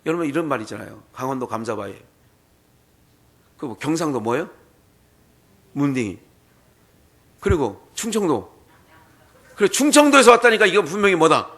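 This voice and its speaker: Male pastor, sermon, animated storytelling, high voice, bright tone, asks the congregation questions. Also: moderate pace, pauses often, breathy edge. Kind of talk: sermon with told folk tale. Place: church sanctuary.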